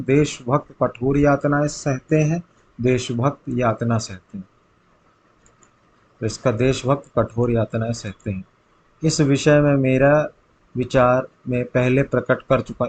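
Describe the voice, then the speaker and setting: A man's voice: mid-range voice, a little mellow, slight background noise, poor audio. Man reading out Hindi grammar quiz questions. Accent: Hindi, north India. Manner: reads options, then states the answer. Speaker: exam tutor.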